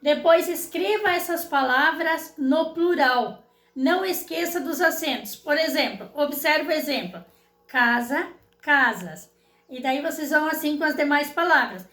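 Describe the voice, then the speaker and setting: High-voiced Brazilian teacher in echoey room. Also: female voice, animated, a little slow, fairly bright tone. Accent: Brazilian Portuguese. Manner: patient, checks in with "certo?" and "tá?". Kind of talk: explaining school exercises to students.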